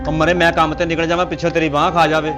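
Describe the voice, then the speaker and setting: A man's voice: fairly high pitch, level tone, very fast, over music. A man with a Punjabi accent in a comic sketch, complaining with sarcasm and exasperation. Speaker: comedy sketch actor.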